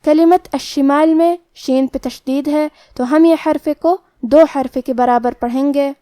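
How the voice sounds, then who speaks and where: A woman's voice: high-pitched, fairly even intonation, dark tone, dry recording, studio quality. A woman teaching Quran recitation rules in a precise, methodical way, explaining each sound carefully. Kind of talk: step-by-step pronunciation lesson.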